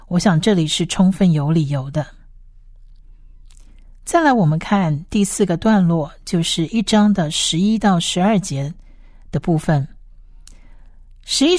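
A woman talks through a Bible study passage by passage, in a steady explanatory manner. Her voice sits a little low for a woman. The recording is dry, with no room sound. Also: no room sound. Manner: steady explanatory reading, reads scripture aloud. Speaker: Bible teacher. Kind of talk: scripted Bible study lecture.

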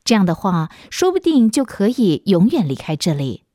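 A woman narrating a children's story in a gentle, expressive storytelling manner on a close studio mic. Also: mid-range voice, normal speed, dry recording.

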